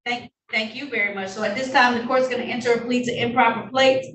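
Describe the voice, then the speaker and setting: A woman judge running formal hearings, brisk and polite, heard in a courtroom recording. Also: on the high side, steady tone, a bit bright. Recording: echoey room heard from a distance, faint noise.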